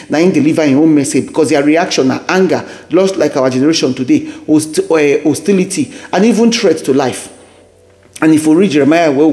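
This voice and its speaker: Man preaching in Pidgin, lightly mellow. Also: on the high side. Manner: speaks in Pidgin, with repetition for emphasis. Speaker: preacher, devotional host. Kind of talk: devotional sermon in West African Pidgin English.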